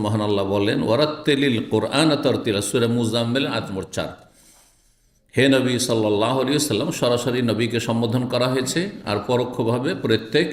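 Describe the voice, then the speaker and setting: A man from Bangladesh, an Islamic scholar, giving a religious lecture on a text, emphatic and repeating his key points, sometimes stretching words out slowly. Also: mid-range voice. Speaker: Islamic scholar teaching hadith. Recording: roomy echo.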